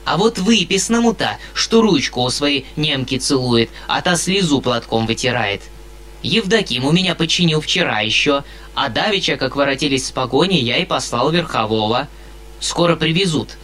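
A male reader voicing a fat, blustering country landowner who talks loudly and folksily. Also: fairly high pitch, animated, normal speed. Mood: effusive. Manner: boisterous, folksy.

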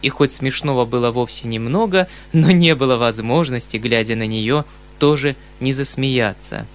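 A man narrating a classic novel as an audiobook, in an expressive, measured storytelling manner. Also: medium pitch, clear, resonant tone.

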